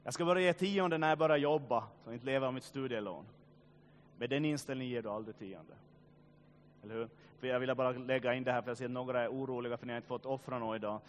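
A man preaching a sermon, swinging between loud urging and quiet, grave passages, with joking asides to the congregation. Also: mid-range voice, slight background noise. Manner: joking asides, addresses listeners directly. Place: church meeting.

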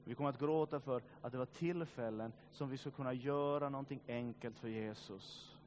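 A man preaching a sermon, swinging between loud urging and quiet, grave passages, with joking asides to the congregation. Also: medium pitch, slight background noise. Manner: joking asides, addresses listeners directly. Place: church meeting.

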